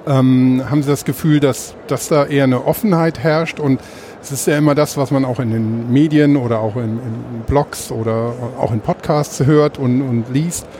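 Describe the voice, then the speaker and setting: A man interviewing a guest in a mellow, warm voice. He asks long, winding questions, hesitating and restarting as he goes. Faint traffic noise sits in the background. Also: medium pitch, fairly even intonation, normal speed. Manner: hesitant, many fillers and restarts while asking.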